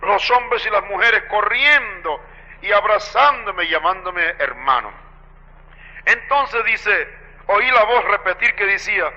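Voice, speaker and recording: Male preacher, bright piercing tone, retells a vision with emphasis and asides to the flock, reverberant lo-fi church recording. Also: high-pitched. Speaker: pastor. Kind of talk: sermon. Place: church sanctuary. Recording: dull lo-fi broadcast with long reverb.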